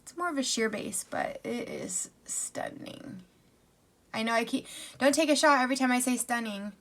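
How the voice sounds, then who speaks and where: A woman's voice: high-pitched, fast talker, fairly bright tone. A woman beauty vlogger giving a chatty makeup tutorial in a gushing, bubbly way with casual asides.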